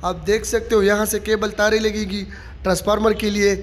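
A vlogger with a high-pitched voice moves briskly through a stadium construction site, pointing things out and steadily narrating updates in an informal way. "You can see" comes up again and again. Captured on a handheld phone camera, the clip has long reverb and faint site noise.

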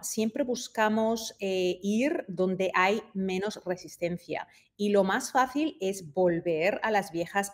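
Woman podcast host firing off follow-up questions, curious and probing, mid pitch. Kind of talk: interview questions.

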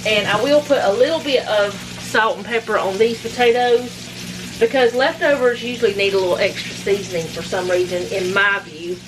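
With food frying loudly in her home kitchen, a middle-aged woman chats casually as she cooks supper, rambling and putting herself down in little asides. Her voice is medium-pitched and her pace normal. The background is noisy.

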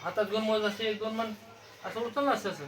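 A woman's voice: mid-range voice, quick pace. A woman teaching young children in a school classroom, patiently prompting them with repeated questions. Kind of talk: classroom word-game lesson. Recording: noisy classroom recorded from a distance.

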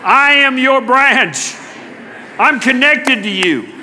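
A middle-aged male pastor delivers a slow sermon in a high, lively voice with a very bright, forceful edge, swinging between loud, emphatic declarations and quiet, hushed asides. His words echo through a church sanctuary with long reverb, and there's a little hiss or hum in the recording.

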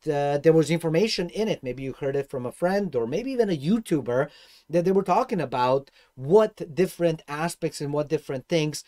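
Animated Serbian-accented man vlogging. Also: a little high. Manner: animated, gestures a lot, swings between loud and soft. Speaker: personal finance YouTuber. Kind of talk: casual vlog monologue. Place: dark room indoors.

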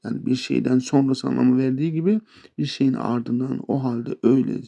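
A man's voice: medium pitch, fairly even intonation, brisk, creaky, dark tone. A man teaching a casual spoken language lesson, chatting to viewers as friends with playful asides. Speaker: English teacher.

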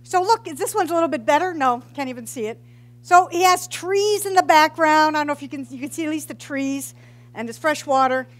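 Speaking fairly quickly in a high-sitting voice, a middle-aged woman who teaches geology gives a relaxed public lecture. She wears a headset mic in a large hall with brick walls, joking around and putting questions to the audience.

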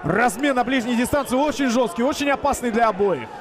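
A man giving excited live commentary on a fight as a commentator. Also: very high voice, brisk, crowd noise, background noise.

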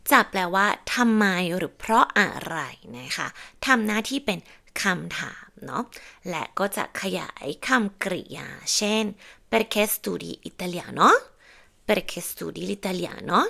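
A woman's voice: mid-range voice, creaky, bright, forceful tone. A woman, teaching Italian grammar in an online lesson and patiently explaining and repeating her examples.

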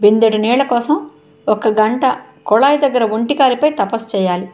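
A woman's voice: a little high, moderate pace, natural voice. Woman reading as a playful, witty young wife. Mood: teasing. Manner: playful, lively.

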